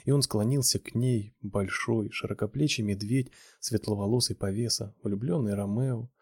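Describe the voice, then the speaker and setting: A man reading a romance novel aloud in a steady, measured narration. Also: lowish voice, slightly rough, no room sound, clean studio sound. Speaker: audiobook reader.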